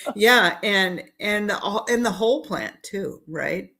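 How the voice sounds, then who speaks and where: A woman's voice: medium pitch, expressive, a little slow, vocal fry, sharp tone, a little hiss or hum. A woman co-hosting a casual nutrition podcast, chatty, trailing off with fillers and laughing often. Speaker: podcast co-host.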